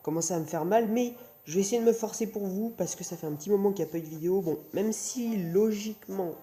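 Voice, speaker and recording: A young man with a very dark, mellow voice talks over music, casually commentating as a gaming host. He rambles and corrects himself, speaking with a mouth still sore after wisdom teeth surgery. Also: high voice, quick pace. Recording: music playing behind the voice.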